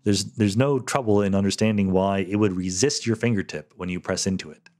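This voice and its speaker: A middle-aged man speaks a little fast in a low-pitched, darkish voice while answering listener questions alone on his podcast. His explanations are casual and considered, with frequent mid-sentence corrections and light laughs.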